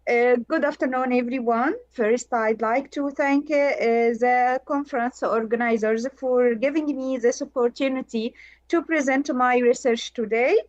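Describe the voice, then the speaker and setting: A woman from Egypt, presenting over a video call and reading a prepared conference paper slowly and carefully. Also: high voice, steady tone, no echo. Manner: slow, careful, measured delivery. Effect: heard over a video call. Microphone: remote computer mic on a video call. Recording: dull, dry video call audio.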